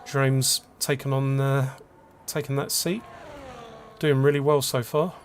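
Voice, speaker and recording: A man's voice: medium pitch, flat delivery, measured pace, slight background noise. A man giving casual, chatty commentary on an online racing league, calling positions and penalties. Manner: chatty, laughs along, lists penalties. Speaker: race commentator.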